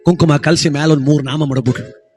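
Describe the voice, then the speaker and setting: A man's voice: fairly high pitch, steady tone, fairly quick, a little mellow, faint music behind. A man telling a folk tale with chatty, amused asides. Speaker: storyteller.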